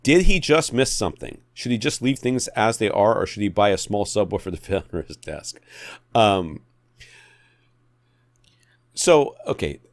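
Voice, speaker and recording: The podcast co-host speaks at normal speed in a lowish, expressive voice, pausing often as he gives blunt, emphatic and exasperated tech opinions and repeats himself for effect. It's a dry, studio-quality recording.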